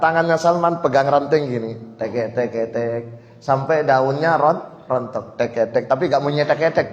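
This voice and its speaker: A man preaching, telling stories lively and often addressing the listeners directly, in a mosque hall. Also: fairly high pitch. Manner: lively storyteller who keeps addressing the audience. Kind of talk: sermon storytelling. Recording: echoey dull mosque hall recording.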